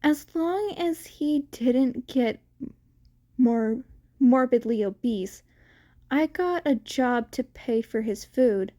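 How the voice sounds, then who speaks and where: A woman reading the lines of an anxious teenage boy in a fan audiobook, rambling nervously in a slow, mellow voice. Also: high voice, expressive.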